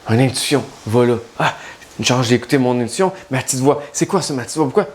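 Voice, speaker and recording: A man gives a casual spiritual-coaching talk, speaking straight to the listener. His pitch sits in an everyday middle range. He keeps asking rhetorical questions as he explains. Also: lively intonation, fast talker. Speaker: life coach and spiritual guide. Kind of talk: casual direct-to-camera monologue.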